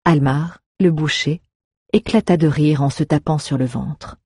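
A woman reading a fantasy story aloud as narrator, in an expressive storytelling manner. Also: low-pitched, measured pace, slightly rough, no room sound, studio quality. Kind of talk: audiobook narration.

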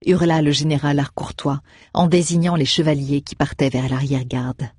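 A man reading a fantasy novel aloud in steady, measured narration. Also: fairly high pitch, slightly rough, dry recording, clean studio sound. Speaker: audiobook narrator. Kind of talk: audiobook narration.

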